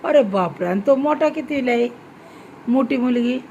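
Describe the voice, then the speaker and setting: A woman's voice: high-pitched, lively intonation, normal speed, warm tone, muffled recording, slight background noise. A woman filming a home vlog, chatting casually and scolding with teasing questions. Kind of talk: casual home video chat.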